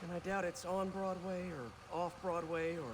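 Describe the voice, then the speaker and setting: A man's voice: high-pitched, level tone, moderate pace, noisy background, lightly acted. An actor playing a chatty young male hero who talks to himself as he works. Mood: eager. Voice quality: chatty, self-talking. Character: young male masked hero, earnest and quippy. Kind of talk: video game voice acting. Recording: game audio with music behind.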